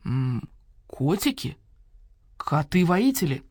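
A woman voicing a calm, polite elder badger detective who speaks patiently and with measured reasoning. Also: low voice, husky, no echo, studio quality, exaggerated voice.

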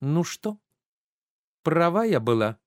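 A man reading a stage play aloud, voicing a middle-aged bourgeois wife who scolds her husband sharply, his voice pushed up high and loud. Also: sing-song, slow pace, no room sound, studio quality. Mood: scolding. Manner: sharp, mocking, indignant.

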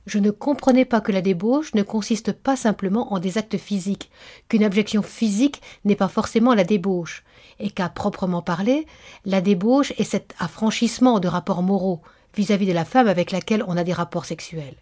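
A woman's voice: medium pitch, moderate pace, a little mellow, close to an everyday voice. A woman reading the lines of a bitter, tormented middle-aged nobleman in an audiobook of a novel, speaking as an intense, brooding confession.

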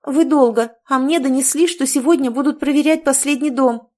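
A woman voicing a brisk, bossy young woman friend in an audiobook, speaking in a commanding way. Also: sits high, a little mellow, pitched above the performer's own voice, lightly acted.

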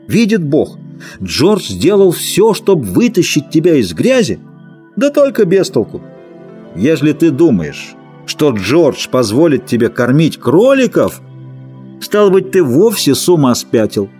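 A man's voice: on the high side, warm tone, pitched above the performer's own voice. A man voicing a huge, contemptuous male rabbit that sneers and scolds in an audiobook reading. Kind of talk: audiobook character voice.

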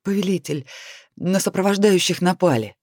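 A man's voice: high voice, moderate pace, a little mellow, dry recording, studio quality, voice pushed up. A man voicing a guard captain anxiously explaining an attack to his lord. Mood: worried.

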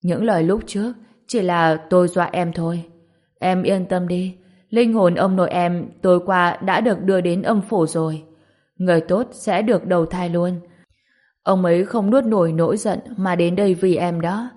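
A woman's voice: on the low side, steady tone, normal speed, a little mellow, lightly acted. A woman reading the lines of a cold, haughty male ruler of the underworld in an audiobook, speaking curtly. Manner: curt and cold. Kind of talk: audiobook character voice.

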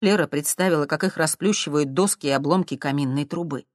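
At a middle pitch and a slightly quick pace, an audiobook narrator tells the story in a steady, even manner. The recording is close and dry, without any room sound.

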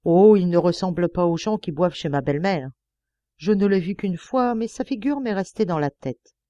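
A woman's voice: fairly low pitch, animated, moderate pace, dark tone, no room sound, dull audio, lightly acted. A woman voicing a distraught young mother. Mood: earnest. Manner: pleading, tearful outbursts. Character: young working-class mother, proud, distraught. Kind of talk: audiobook character reading.

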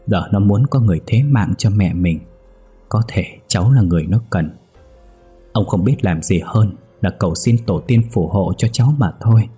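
A man with a low, husky voice playing a grave, sorrowful old man in a spoken horror story. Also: mellow, soft background music. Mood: somber. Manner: slow, heavy, somber.

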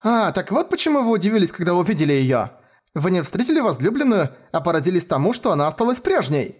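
A man doing a gruff, sardonic young woman journalist. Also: on the high side, big pitch swings, brisk, voice pushed up.

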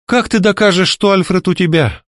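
A man's voice: high voice, fairly quick, fairly bright tone, no room sound, studio quality, voice pushed up. A man voicing a bold young heroine who answers her captor in a teasing, sweetly mocking way.

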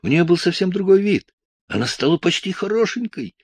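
A man narrating an audiobook in an expressive storytelling manner. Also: high voice, brisk, husky, no echo.

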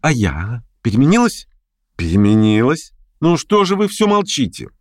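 A man reading an audiobook voices a lively, bold young woman calling out merrily from horseback. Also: medium pitch, normal speed, dry recording, studio quality, voice pushed up. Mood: teasing.

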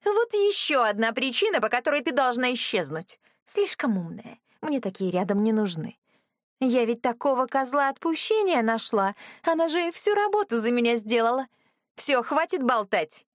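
High loud crazed rich-girl villain a woman puts on, bossy and shrill, dry sound. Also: lively intonation, normal speed, no echo. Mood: raging. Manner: shrill, domineering, threatening. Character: haughty crazed young noblewoman villain.

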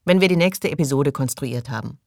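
Audiobook figure: reasoning male technician, brisk, read by a man. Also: medium pitch, dry recording, studio quality, close to an everyday voice. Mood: puzzled, insistent. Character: rational, puzzled male ship technician.

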